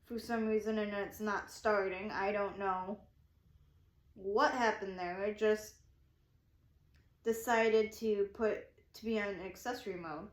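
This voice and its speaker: Recorded in an echoey room, this vlogger in her twenties speaks slowly at a medium pitch with a steady tone. She narrates a story casually, circling back and repeating herself while quoting what she was thinking.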